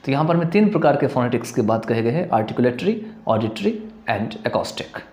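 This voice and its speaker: A man's voice: medium pitch, very animated, normal speed, darkish tone, reverberant. A man teaching a lesson, explaining as he writes on a board and mixing English terms into his talk with rhetorical questions. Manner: mixes English terms and read-out quotes into Hindi, checks with rhetorical questions.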